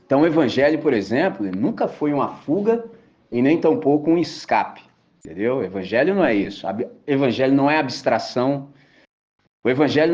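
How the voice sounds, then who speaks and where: Animated Brazilian man preaching. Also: medium pitch. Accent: Brazilian Portuguese. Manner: slangy, conversational, asks rhetorical questions. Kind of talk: lively evangelical sermon. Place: auditorium stage. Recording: dull lo-fi sound.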